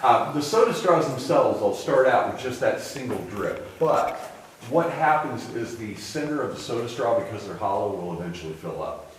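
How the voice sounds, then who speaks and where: Male tour guide, informal and explanatory, expressive intonation, heavy cave echo, slightly distant with faint noise. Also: fairly low pitch, moderate pace. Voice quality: voice echoing in a cave. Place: inside a limestone cave.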